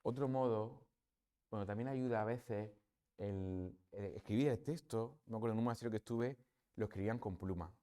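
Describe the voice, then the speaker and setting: Spanish guy talking about prayer in a parish, lowish soft dark voice, chatty and thoughtful. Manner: conversational, reflective, frequent tag questions. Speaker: priest. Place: parish hall or church.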